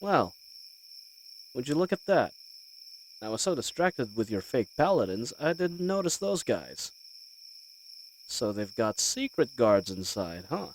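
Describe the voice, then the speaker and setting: Man playing a lively, roguish bandit leader. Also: mid-range voice, a little slow, long pauses, a little hiss or hum, poor audio. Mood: humbled, curious. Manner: folksy, teasing, conversational with hesitations. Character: roguish, good-humoured male bandit leader, wry and blustering. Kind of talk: scripted fantasy audio roleplay.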